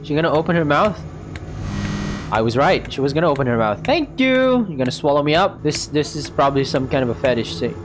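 A man's voice: medium pitch, quick pace. A man streaming a game live, chatting and mocking himself, with sudden screams and laughs. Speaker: gaming streamer. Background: game music.

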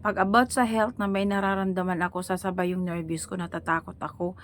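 A woman's voice: lowish voice, little pitch movement, a little fast. Middle-aged woman vlogger, rambling casually. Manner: rambling, conversational, calls the viewers "guys". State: weak and tired after being ill. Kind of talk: casual storytelling to viewers.

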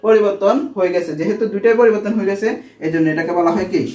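A man's voice: high voice, racing, dark tone, roomy sound, far from the mic. A man teaching a school grammar lesson, asking questions and then answering them himself.

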